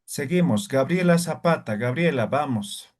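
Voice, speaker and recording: A male language teacher leads his class at an unhurried pace, patient and methodical. He keeps stopping to check that the students follow with quick tag questions. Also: mid-range voice, animated, a little mellow. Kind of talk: online class instruction.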